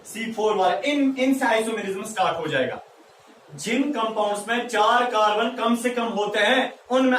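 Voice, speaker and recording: In this chemistry lecture, the male teacher's fairly bright voice sits high as he addresses students as "beta" and playfully poses questions he then answers himself. The mic is distant in an echoey room, and a little hiss or hum can be heard.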